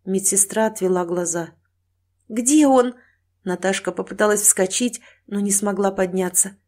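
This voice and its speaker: A woman reads a dramatic novel aloud as an audiobook narrator. Her voice sits in a middle pitch and she tells the story with steady dramatic pacing. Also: normal speed. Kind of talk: scripted narration.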